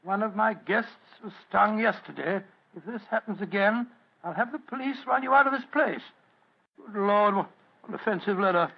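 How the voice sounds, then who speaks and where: An actor playing a genial, slightly bumbling elderly British doctor telling stories in an old radio drama. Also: male voice, high voice, normal speed, gravelly. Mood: indignant. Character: elderly genial English doctor, loyal sidekick and storyteller. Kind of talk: 1940s radio acting. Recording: dull old radio recording.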